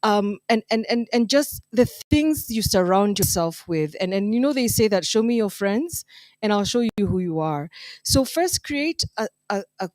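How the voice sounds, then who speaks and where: A woman's voice: medium pitch, big pitch swings, normal speed, darkish tone, no room sound. A woman who heads human resources answering on a panel, hesitant with many ums and restarts.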